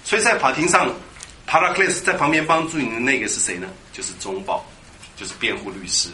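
A man preaching a lively Bible teaching sermon, quizzing his congregation and drilling them on Greek words. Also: medium pitch, fast talker. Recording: echoey hall with background noise.

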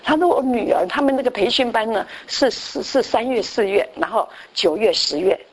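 A woman gives a sermon in a fairly high, breathy, husky voice. Her delivery is conversational: she tells a story, restarts her phrases and often checks in with her listeners. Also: expressive, moderate pace. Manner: conversational, with frequent restarts and tag questions. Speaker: preacher.

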